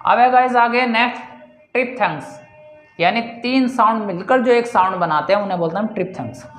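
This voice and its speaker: A man teaching English pronunciation in a casual spoken lesson, slowly repeating example sounds and often calling his viewers guys. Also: high-pitched, a bit bright, faint music behind. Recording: roomy echo.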